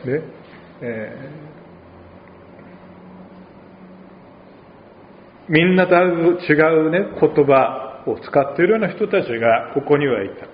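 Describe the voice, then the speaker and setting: A male pastor with an Oita accent preaches a sermon in a conversational way, with dialect asides and gentle humor. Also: on the high side, expressive, takes it slowly, long pauses, reverberant, in a large hall, lo-fi sound. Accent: Oita Japanese.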